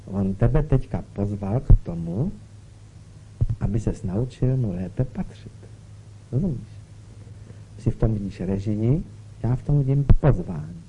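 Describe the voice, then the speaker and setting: A man's voice: mid-range voice, lively intonation, vocal fry, pauses often. A man preaching a spiritual talk, who keeps checking in with his listeners through short questions. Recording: dull lo-fi recording with faint hiss.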